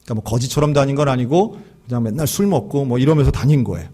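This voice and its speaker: A man's voice: mid-range voice, fast talker, warm tone. A male pastor telling a story in a sermon, acting out the characters' dialogue.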